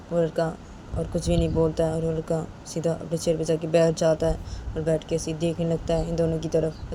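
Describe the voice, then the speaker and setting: A woman's voice: low-pitched, mellow, a little hiss or hum. A woman narrating a serial love story in a casual, rambling way, repeating the characters' names constantly.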